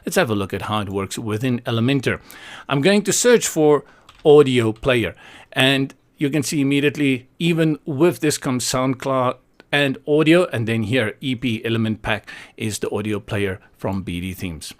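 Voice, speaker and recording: A South African man walks through a casual software tutorial, thinking out loud in a playful, opinionated way. His pitch is medium and his speed is normal.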